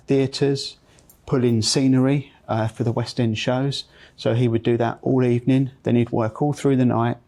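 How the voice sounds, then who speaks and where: Reflective middle-aged London man, mellow. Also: mid-range voice. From England. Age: 50s. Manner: reflective storytelling with frequent pauses and fillers. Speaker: guest. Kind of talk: conversational interview.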